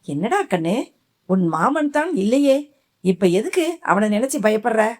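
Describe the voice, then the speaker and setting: A woman voicing a gentle, puzzled old grandmother in an audiobook, with a high quavering voice. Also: big pitch swings, measured pace. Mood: soothing.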